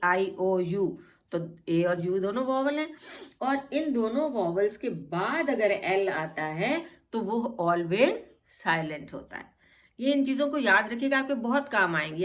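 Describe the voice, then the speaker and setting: A woman's voice: mid-range voice, fairly bright tone. A woman teaching English spelling rules, patiently spelling out each word letter by letter. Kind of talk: spelling lesson explained in Hindi.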